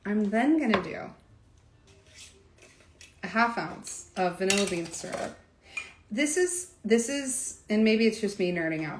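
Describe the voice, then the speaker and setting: In an echoey room where faint clatter and background noise can be heard, a cocktail demo host speaks in a mid-range voice. She keeps the live demonstration casual, addressing viewers directly and wandering into frequent asides.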